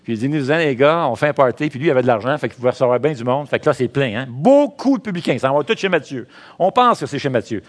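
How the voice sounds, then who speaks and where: A middle-aged man preaching a sermon as pastor, in a Quebec French accent, lively and calling out to the congregation. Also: medium pitch, fast talker.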